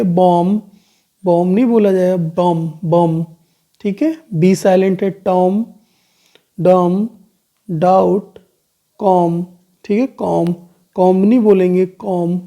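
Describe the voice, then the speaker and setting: A man talks a class through a worksheet, moving at an unhurried, deliberate pace. His voice is mellow and gravelly with some fry. He reads English questions aloud, explains them in Hindi, and keeps checking in with a short "okay". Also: sits high. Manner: explains slowly, checking in with "theek hai" after nearly every point. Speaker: online teacher. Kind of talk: worksheet solution lesson.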